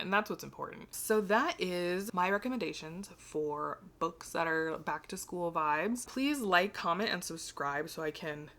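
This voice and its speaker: A woman book vlogger rambling casually to camera from her home library, chatty and self-deprecating, a little hoarse from losing her voice, with a slight vibrato. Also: deep voice. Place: home library between bookcases.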